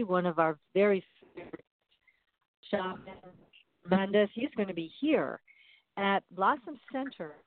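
A woman's voice: mid-range voice, no room sound. A woman hosting a radio show, making announcements in an informal, effusive, conversational way. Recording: dry, narrow phone-like sound.

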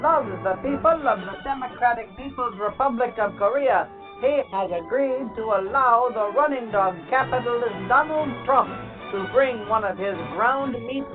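A man reading a mock propaganda commercial in a bombastic announcer manner. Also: extremely high pitch. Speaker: comedy ad announcer. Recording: tinny phone-like audio with music.

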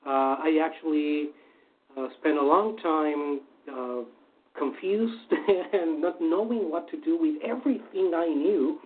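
A former stage hypnotist who became a hypnotherapist responds to interview questions in an unhurried, fairly high-pitched voice, full of fillers and restarts. The line sounds tinny, like a phone.

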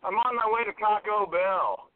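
A man's voice: high-pitched, normal speed. A man, sidekick on a talk show, calling in from his truck on a muffled line that sounds like a tunnel, giving laid-back mumbled answers. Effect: muffled phone-line call from a moving truck, sounding like in a tunnel. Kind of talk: casual chat. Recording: tinny distant phone line with faint noise.

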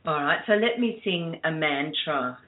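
A woman guest telling a heartfelt story in a soft-spoken, earnest way, dwelling on her words. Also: sits low, animated, a little slow. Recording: tinny phone-line sound.

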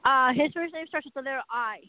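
High-voiced woman caller on the phone. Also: dry recording. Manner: halting, effusive, many "uh" and repeated thanks. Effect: phone line. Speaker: radio show caller. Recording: tinny phone line.

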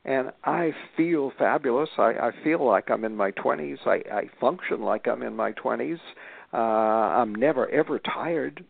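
An older man in his seventies speaks in a gravelly, fry-laden voice over a tinny phone line. His delivery is emphatic but halting, full of restarts and fillers. The sound is dry and close. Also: mid-range voice, no room sound. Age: 70s. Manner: emphatic, repeats starts, many fillers. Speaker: guest author. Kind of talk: casual interview talk.

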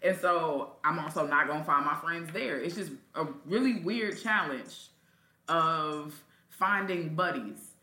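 A woman's voice: sits low, unhurried, pushed and bright. A woman hosting a casual chat, candid and slangy as she tells stories. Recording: echoey room sound.

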